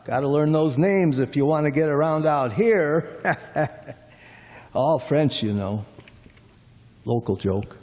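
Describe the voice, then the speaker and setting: Radio play: man as middle-aged small-talking cab driver, folksy drawl, slightly high voice. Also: slow, long pauses, darkish tone. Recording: long hall reverb.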